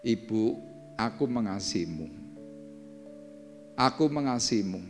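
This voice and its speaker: A preacher softly voicing a gentle, loving God. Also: male voice, on the low side, measured pace. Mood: tender. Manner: soft, tender, calm. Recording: echoey church hall with faint music.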